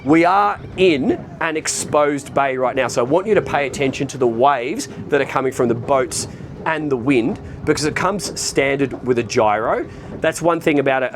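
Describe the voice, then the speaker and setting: A man giving a casual, upbeat guided tour, chatty and pointing out features as he goes, outdoors on a boat in an open bay, now and then clearing his throat. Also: medium pitch, slight background noise. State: occasional throat clearing after a recent flu. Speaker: boat reviewer presenting a walkthrough.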